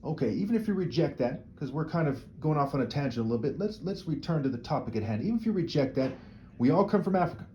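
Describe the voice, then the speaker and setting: He talks fast and expressively, with a fairly high, warm voice, though the audio is dull and carries slight background noise. In his opinionated solo monologue to camera, this commentator wanders rhetorically, keeps checking in with "right?", and repeats words while restarting sentences.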